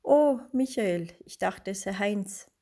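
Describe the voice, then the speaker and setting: A woman voicing a distraught young mother, tearful and pleading, her voice raised and higher. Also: normal speed, lightly acted. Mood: tearful, anxious.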